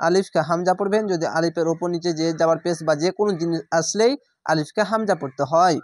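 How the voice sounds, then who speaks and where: A male Quran recitation teacher with a high, steady voice spells out Arabic verses letter by letter, then chants each word slowly. His slow, drawn-out chanted recitation alternates with plain explanations, and the recording is dry and close.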